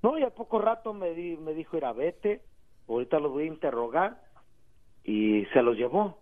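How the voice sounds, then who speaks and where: A man's voice: on the high side, moderate pace. Mexican man telling a story over the phone. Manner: rambling, animated storyteller, slangy. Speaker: caller. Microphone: telephone. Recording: tinny phone line.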